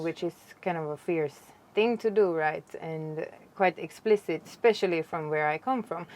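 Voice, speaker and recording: Low-voiced Swedish woman, chatty. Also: a little hiss or hum. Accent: Swedish with Jamaican patois touches. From Sweden. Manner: chatty, laughs easily, animated storytelling. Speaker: dancehall artist. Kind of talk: casual interview answers.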